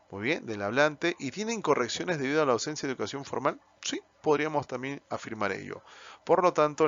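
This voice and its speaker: A man's voice: mid-range voice, a bit bright. A man with a Peruvian Spanish accent, teaching an exam answer key in a lesson and often putting rhetorical questions to himself. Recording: dull, slightly lo-fi dry sound.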